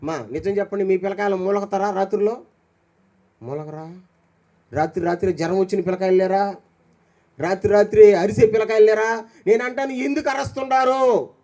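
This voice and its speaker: This older man, a pastor, moves briskly through a sermon with a steady tone and long pauses. He questions the congregation and shifts between raised calls and soft, low asides.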